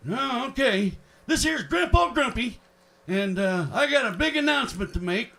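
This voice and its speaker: A loud, blustery old grandpa with a folksy drawl, pitched high and hollering out big announcements, as a radio host puts him on. He comes across as a cranky old pizza shop owner who barks at everyone around him. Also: expressive, moderate pace, gravelly, heavily acted.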